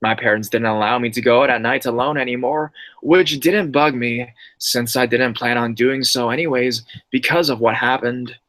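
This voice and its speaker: A young adult man reads viewer-submitted horror stories aloud, then chats loosely with his live-stream audience, loading his talk with slang and calling people bro and dude. His mid-range voice has a steady tone, moderate pace, and slight brightness on a dry recording.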